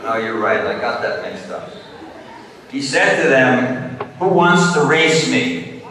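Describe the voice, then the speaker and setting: A man, a deacon, retelling a gospel story for children in a slow, mock-confused way. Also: mid-range voice, expressive, pushed and bright, a little hiss or hum. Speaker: deacon giving a homily. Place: church during Mass. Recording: distant voice in an echoey church.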